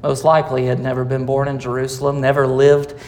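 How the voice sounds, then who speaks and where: An American man, a pastor, preaching a sermon with dramatic pauses and rhetorical questions. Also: medium pitch, completely flat delivery, a little mellow. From United States.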